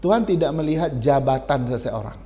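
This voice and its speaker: A man's voice: mid-range voice, animated, fairly quick, dark tone. A male pastor giving a sermon in a conversational style, often turning to address the congregation directly.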